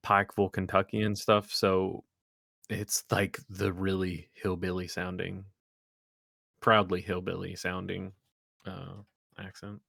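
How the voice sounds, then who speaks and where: Deep-voiced man with a mild Hoosier accent. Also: a little slow, vocal fry, no room sound, clean studio sound. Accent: Indiana Hoosier, faint West Virginia traces. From West Virginia. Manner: relaxed storyteller, folksy sayings. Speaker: podcast co-host. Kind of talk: casual chat.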